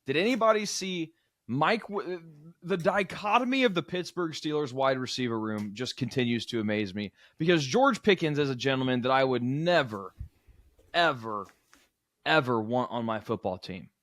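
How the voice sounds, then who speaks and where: A young man co-hosting a casual sports podcast, animated and quick to laugh, often breaking off mid-sentence. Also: on the high side, dry recording, clean studio sound. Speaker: podcast co-host.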